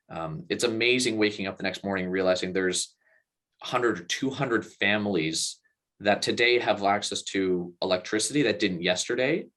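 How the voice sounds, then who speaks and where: A man's voice: low voice, fairly bright tone. A man telling a personal story in an interview, earnest and reflective. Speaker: guest, company co-founder.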